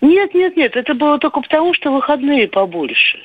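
A woman's voice: sits high, big pitch swings, a little fast, no echo. An older woman calling in to a radio show, chatting and reminiscing over a phone line. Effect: caller heard over a phone line on the radio. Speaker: radio caller. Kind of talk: call-in story. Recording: tinny dry phone line.

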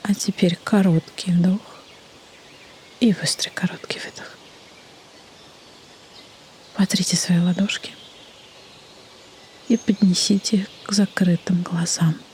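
A woman leading a guided meditation in a soft, breathy half-whisper, with soothing delivery and long pauses. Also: on the low side, fairly even intonation. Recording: faint background noise, birdsong ambience. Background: birdsong and nature ambience.

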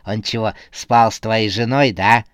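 A man's voice: on the low side, fairly even intonation, a little slow, fairly bright tone, smooth, dry recording, studio quality. A man voicing a brash female squirrel who plays detective in a comic horror audiobook, bossy and theatrical, jumping to accusations.

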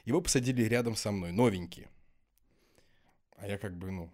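A man's voice: fairly low pitch, moderate pace, darkish tone. A man with a slushy lisp, his s sounds leaning toward sh, chatting casually as the guest in a podcast interview. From Belarus. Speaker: guest, actor and acting teacher.

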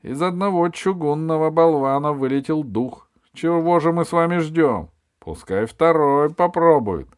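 Male narrator as cheeky male jester, loud, pitched high, teasing. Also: animated, measured pace, smooth, dry recording, studio quality. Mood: mocking. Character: sly, mocking male court jester.

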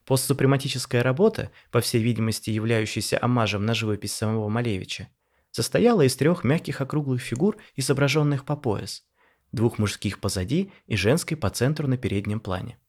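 A man narrating a scripted audio story in a measured, wry storyteller manner. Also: medium pitch, darkish tone.

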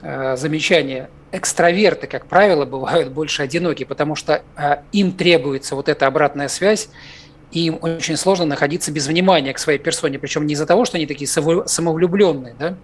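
A man speaking as a clinical psychologist guest on a talk show, in a measured, hedging way with many filler sounds. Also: fairly high pitch. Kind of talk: expert commentary on a talk show.

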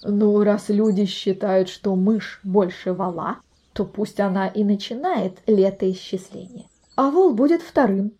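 A woman voicing a stately male emperor making a slow, deliberate decree in a storybook reading. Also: medium pitch, dark tone, dull audio, lightly acted.

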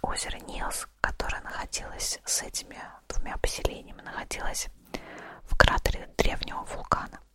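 A podcast host telling stories in a soft, relaxing ASMR whisper, close to the microphone. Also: normal speed.

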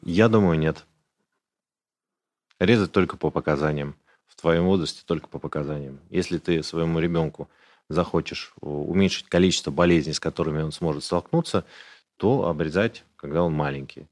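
A man with a very deep, low voice talks through medical details in a relaxed podcast chat. His manner is explanatory and matter-of-fact, plain and unembarrassed. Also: moderate pace. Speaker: urologist guest. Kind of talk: casual podcast conversation.

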